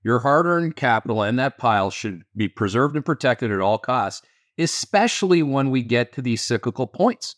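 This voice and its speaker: A man with a Canadian accent, an investment firm founder answering interview questions in an animated, emphatic way with sarcastic asides. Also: mid-range voice, normal speed, dry recording, clean studio sound.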